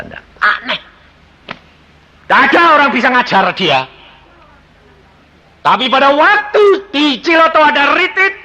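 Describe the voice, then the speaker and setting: A man preaching a sermon as an evangelist, with a Javanese-tinged Indonesian accent, telling stories animatedly and swinging from loud exclamations to hushed lines. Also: high-pitched. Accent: Javanese-influenced Indonesian.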